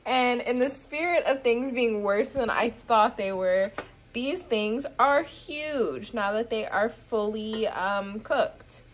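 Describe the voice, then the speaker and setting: Filming her cooking vlog on a phone at home, in a small kitchen and apartment room, a young woman in her twenties chats casually, rambling, poking fun at herself and using many fillers. She speaks slowly in a voice on the high side, with slight background noise.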